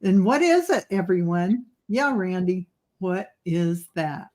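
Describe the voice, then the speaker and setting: A woman hosts a casual live chat in an eager, upbeat way, reading out viewers' comments and agreeing often. Her voice sits a little low for a woman. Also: lively intonation, slow, mellow. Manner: enthusiastic, reads viewer comments aloud. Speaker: host.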